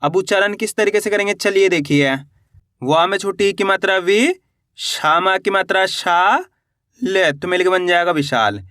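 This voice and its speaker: A man teaching beginners to read and spell, sounding words out slowly syllable by syllable and quizzing his viewers with encouragement. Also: sits high, fairly bright tone, no room sound, clean studio sound. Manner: encouraging, addresses viewers as friends. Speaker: Hindi teacher.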